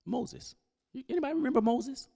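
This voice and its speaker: A man preaching a sermon, quizzing his congregation and building up to loud exhortation. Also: very high-pitched, fairly quick, vocal fry. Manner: call-and-response with the congregation; animated, rising to loud exhortation. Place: church service.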